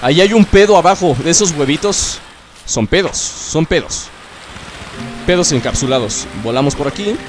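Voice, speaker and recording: Excitable man narrating gameplay. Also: on the high side, normal speed. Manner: excitable, chatty, cheers himself on. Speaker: gaming YouTuber. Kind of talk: let's play commentary. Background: game music.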